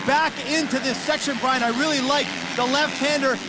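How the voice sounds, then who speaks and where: Roaring engines behind, male motocross announcer, very high excited pitch, live play-by-play. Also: normal speed. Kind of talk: excited live race commentary. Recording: loud engine noise behind voice. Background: motorcycle engines.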